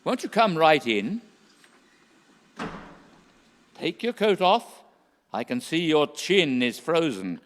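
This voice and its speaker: A man acting an unflappable, courteous old Santa Claus in a rhyming radio play, with a measured theatrical delivery. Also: on the high side, very animated, slight background noise. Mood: jovial welcome. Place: stage in a hall. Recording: hall with long reverb.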